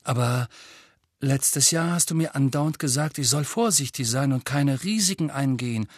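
A man's voice: medium pitch, moderate pace, no room sound, clean studio sound, close to an everyday voice. A man voicing an eager teenage wizard boy.

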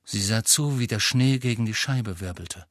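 A man narrating a storybook in a calm, measured way. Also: on the low side, no room sound, clean studio sound. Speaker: audiobook reader.

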